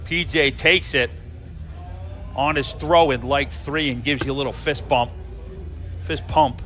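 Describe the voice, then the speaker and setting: A man's voice: mid-range voice, a little slow, fairly bright tone, faint music behind. A man giving live sports commentary on a darts match.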